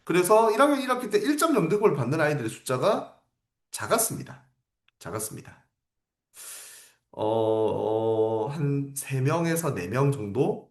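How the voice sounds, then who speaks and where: Male teacher, raised pitch and lively delivery, emphatic and repetitive, in an echoey room. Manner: emphatic, repeats key phrases, asks rhetorical questions. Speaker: academy teacher. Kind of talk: livestream lecture to parents.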